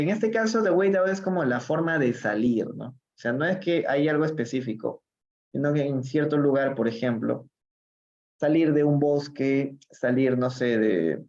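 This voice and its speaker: A man teaching English in a live-streamed reading lesson, reading lines slowly and explaining them in Spanish. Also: on the high side, a little mellow. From Peru. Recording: dull lo-fi sound.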